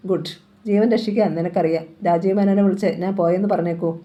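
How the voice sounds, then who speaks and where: A cold, menacing male killer in an audiobook crime thriller, read by a woman narrator. His voice is low and mellow, threatening and commanding, with a dark calm about it. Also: fast, muffled recording, close to an everyday voice. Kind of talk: audiobook novel reading.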